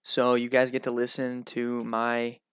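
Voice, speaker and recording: A male host with a nasal voice, talking through a casual solo analysis show in a chatty, relaxed way. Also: mid-range voice, a little slow, smooth, dry recording.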